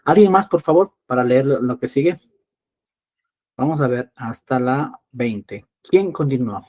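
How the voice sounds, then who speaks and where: A man teaching an English class in Spanish, patiently repeating words slowly to drill pronunciation. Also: medium pitch, animated, a little mellow.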